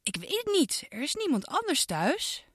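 Storybook mum, gentle and puzzled, lively voice, dry close sound, read by a woman. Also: high voice, normal speed, no room sound, pitched above the performer's own voice, heavily acted. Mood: uneasy. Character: calm, puzzled mother of a young girl.

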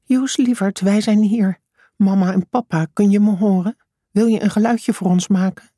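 A reader voicing a terrified young mother in an audiobook, her voice shaky and strangely high as she pleads. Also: fairly even intonation, normal speed, mellow, no room sound, clean studio sound, natural voice. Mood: pleading. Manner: crying out, pleading. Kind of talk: audiobook character voice.

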